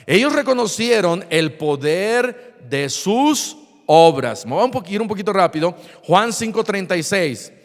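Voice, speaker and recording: A man, a pastor preaching an animated sermon in church who acts out dialogue. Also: high voice, measured pace, big-room sound.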